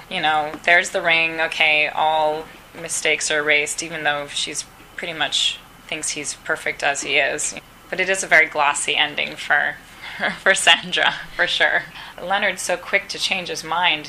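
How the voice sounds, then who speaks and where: A woman's voice: low-pitched, pushed and bright, a little hiss or hum, poor audio. A woman, an actress, answering questions at a press round table in a casual, chatty way, acting out quoted dialogue as she tells stories.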